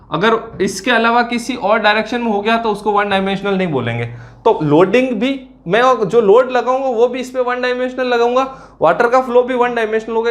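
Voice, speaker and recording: High-pitched man teaching a lecture. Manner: asks questions and answers them himself, repeating key terms slowly; drops to low, quiet asides on filler words. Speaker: civil engineering exam teacher. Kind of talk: classroom lecture.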